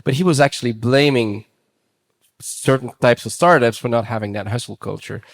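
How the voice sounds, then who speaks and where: A man's voice: medium pitch, moderate pace, vocal fry. A man talking conversationally and anecdotally in a casual panel discussion.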